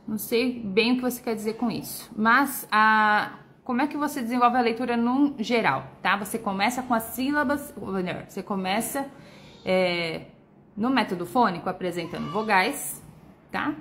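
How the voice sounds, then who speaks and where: Woman, Brazilian accent, literacy educator on a live Q&A, slightly high voice, patient and explanatory, frequent check-in tags. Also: normal speed, fairly bright tone, a little hiss or hum. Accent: Brazilian Portuguese. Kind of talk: live Q&A, answering viewer questions.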